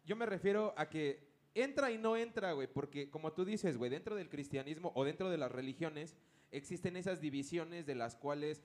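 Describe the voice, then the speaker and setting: A man's voice: fairly high pitch, expressive, normal speed. A man with a Mexican accent, chatting casually as a podcast co-host, laughing often and using crude slang. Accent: Mexican Spanish. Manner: laughs a lot, crude slang, rambling anecdotes. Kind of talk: casual group chat.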